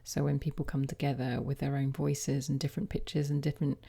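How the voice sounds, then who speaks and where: Woman, low and mellow, easygoing teacher walking through a toning demo with soft hesitations. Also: little pitch movement, fairly quick, vocal fry, slightly rough. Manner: gentle, hesitant with frequent ums. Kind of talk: casual explanatory demonstration.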